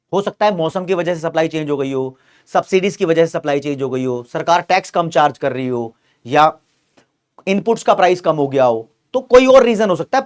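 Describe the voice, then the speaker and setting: A male commerce teacher giving an online exam-revision lecture, explaining step by step, repeating key terms and often checking in with students. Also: on the high side.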